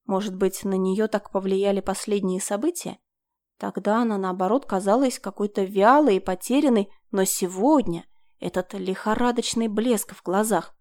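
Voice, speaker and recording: Woman narrator, audiobook reading, first-person crime story, mid pitch, measured, even.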